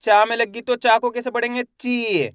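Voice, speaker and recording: A man's voice: very high voice, flat delivery, a little fast, a bit bright, clean tone, no echo, clean studio sound. A young man teaching Hindi reading, stretching each syllable and quizzing the viewer step by step. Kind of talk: step-by-step lesson for learners.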